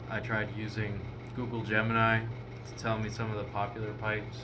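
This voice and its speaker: Low-voiced man chatting over clear background noise. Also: completely flat delivery, normal speed. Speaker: hobbyist pipe maker and video host. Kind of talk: casual rambling vlog talk to viewers. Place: small unfinished workshop shed. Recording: noisy shed with mechanical hum.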